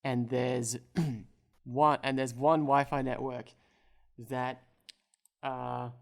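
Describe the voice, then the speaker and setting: Young guy chatting through a tabletop rpg, loose and rambly, mid pitch. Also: level tone, very slow, creaky. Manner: rambling, full of filler words and restarts, joking. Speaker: player. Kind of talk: casual tabletop role-play narration.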